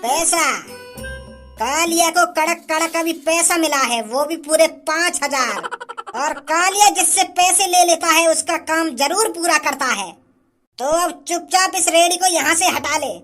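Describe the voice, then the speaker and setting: Cartoon hired thug, swaggering and menacing, played by a woman, high voice, music behind. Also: fairly bright tone. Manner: menacing, slow and boastful. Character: swaggering male hired goon.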